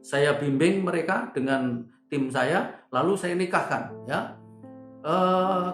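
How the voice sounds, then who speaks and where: An older male pastor preaching a sermon, telling humorous personal stories and acting out the dialogue. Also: high voice. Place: church. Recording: echoey church hall. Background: soft guitar music.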